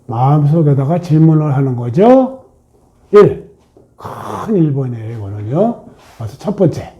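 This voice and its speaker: A man gives a meditation lesson to his listeners. His voice sits a bit high yet sounds soft and mellow. He leads with questions that he then answers himself, and at times he lowers to a whisper. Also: lively intonation, unhurried, highs cut off, slight background noise. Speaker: meditation teacher. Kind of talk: meditation lecture.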